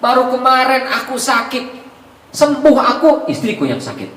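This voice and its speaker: A man's voice: very high-pitched, very animated, moderate pace, fairly bright tone, pitched above the performer's own voice, heavily acted. A man acting out a self-pitying man who whines and accuses God over his troubles, heard in an echoey hall from far off. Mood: wailing, aggrieved. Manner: whining, accusing.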